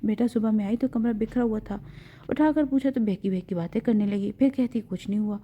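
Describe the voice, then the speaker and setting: A woman's voice: mid-range voice, natural voice. A woman reading the lines of a worried middle-aged mother in an audio novel, in an anxious, pleading way. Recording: dull lo-fi.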